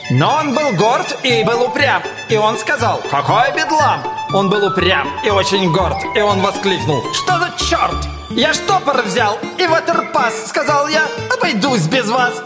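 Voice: medium pitch, very animated, a little slow, long reverb tail, voice pushed up. A narrator voicing Humpty Dumpty, a grumpy, boastful egg who recites verse rudely, in a storybook audiobook with music behind. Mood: reciting. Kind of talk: audiobook character voice. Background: background music.

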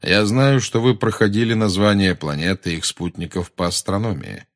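A man reading an audiobook voices a dignified male centaur teacher who speaks calmly and unhurriedly. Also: on the low side, close to an everyday voice. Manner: calm, unhurried, measured.

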